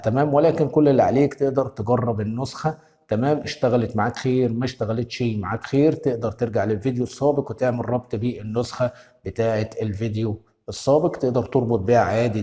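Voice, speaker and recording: A man with an Egyptian Arabic accent hosting a step-by-step phone tutorial, giving brisk instructions and constantly checking in with the viewer. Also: medium pitch, mellow, long reverb tail. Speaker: tech tutorial host.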